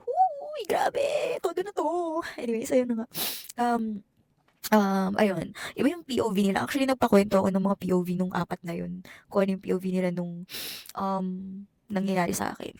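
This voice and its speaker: A woman's voice: mid-range voice, creaky, a little mellow, dry recording. A young woman telling a personal story in a casual vlog, chatty and emotional, mixing Tagalog with English. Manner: emotional, Taglish code-switching, chatty asides. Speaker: vlogger.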